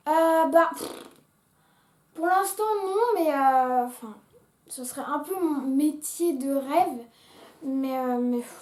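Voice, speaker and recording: Teenage girl, high-pitched, chatty and hesitant, casual vlog, echoey room. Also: darkish tone. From France. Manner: chatty, hesitant, lots of fillers. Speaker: YouTuber.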